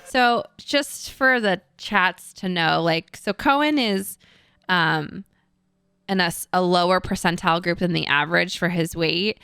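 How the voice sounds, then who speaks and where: A woman's voice: unhurried, clear, resonant tone, dry recording, faint music behind. Chatty young woman telling a story. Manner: rambling, animated storytelling with frequent fillers; acts out quoted voices in a higher pitch. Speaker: streamer and co-host. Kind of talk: casual chat.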